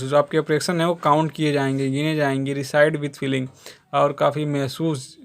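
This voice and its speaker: Slow, higher-voiced teacher. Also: male voice. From India. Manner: reads English lines slowly, then explains them in Hindi; keeps adding a checking "theek hai" as a filler. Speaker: school English teacher. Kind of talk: explaining a textbook exercise.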